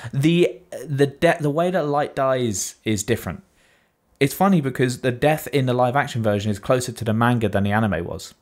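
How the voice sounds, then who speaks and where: A man's voice: medium pitch, moderate pace. A man co-hosting a casual podcast, retelling events animatedly and swearing freely. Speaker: podcast co-host. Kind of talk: casual chat.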